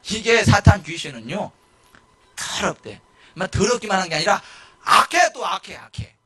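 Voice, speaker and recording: A male pastor giving a lively sermon in a church, rising to shouts and acting out the people in his stories. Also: sits high, moderate pace, husky. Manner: animated, shouting at peaks, mimicking people.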